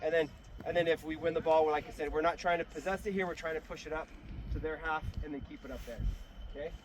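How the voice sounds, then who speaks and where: A man with a voice on the high side talks fast and steadily to his soccer team at halftime, offering instruction and regularly checking they follow with short tag questions. He's outdoors at a sports field, and traffic noise comes through clearly on the recording.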